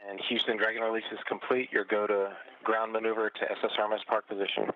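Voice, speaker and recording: A male astronaut giving clipped, flat procedural callouts over a crackly space-to-ground radio downlink. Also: lowish voice, quick pace, no room sound. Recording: tinny breaking-up radio link.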